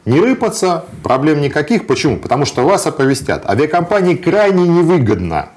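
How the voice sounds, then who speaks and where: A man's voice: a little high, big pitch swings, fairly quick, a little mellow. A man being interviewed, explaining practical travel advice in a matter-of-fact way, with frequent hesitation sounds. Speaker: guest sharing travel experience. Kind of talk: conversational interview.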